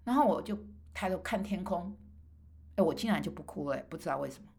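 Gravelly middle-aged woman preacher. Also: lowish voice, expressive, quick pace, darkish tone. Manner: emphatic, rising on rhetorical questions. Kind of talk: personal sermon testimony.

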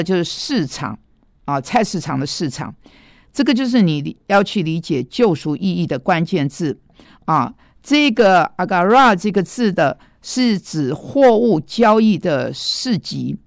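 Gravelly preacher man, dry close sound. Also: fairly high pitch, a little mellow, no echo. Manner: explains Greek word roots, emphatic rhetorical asides. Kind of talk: sermon teaching.

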